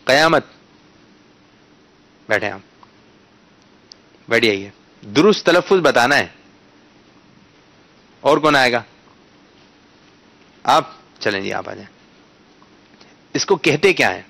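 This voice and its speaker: A man runs a children's quiz, patiently coaxing the kids to pronounce words correctly and bursting into loud announcements when they succeed. His mid-range voice has lively intonation and vocal fry, with long pauses.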